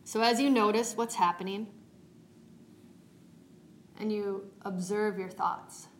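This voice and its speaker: Speaking slowly and at a middle pitch, like a yoga teacher, a woman leads a guided meditation with a calm, meditative tone. Her voice echoes noticeably in the room, and there's faint noise behind it.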